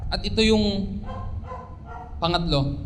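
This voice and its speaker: Young Filipino male preacher, earnest, high-pitched, recorded in a reverberant church hall with faint background hum. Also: slow pace. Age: young adult. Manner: earnest, mixes English into his talk, pleading at times. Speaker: pastor. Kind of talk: sermon.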